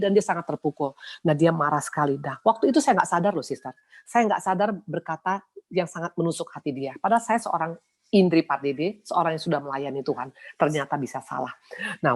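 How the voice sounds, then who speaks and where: A woman's voice: low-pitched, darkish tone. A middle-aged woman pastor with an Indonesian accent, preaching a sermon in colloquial, emotional storytelling.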